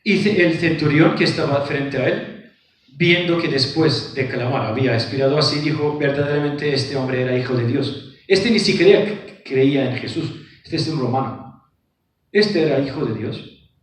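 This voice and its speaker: A man's voice: medium pitch, moderate pace, recorded from a distance. A man giving a lecture on scripture. He reads verses aloud and explains them with rhetorical questions. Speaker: book presenter. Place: lecture room. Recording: very echoey hall, voice from afar.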